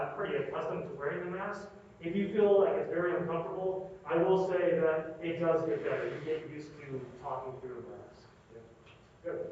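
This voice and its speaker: Echoey, distant male lecturer in a face mask. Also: a little high. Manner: repeats phrases for emphasis, checks in with listeners. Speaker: university lecturer. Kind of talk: informal classroom lecture. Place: classroom. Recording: echoey classroom, distant mic, dull, faint noise.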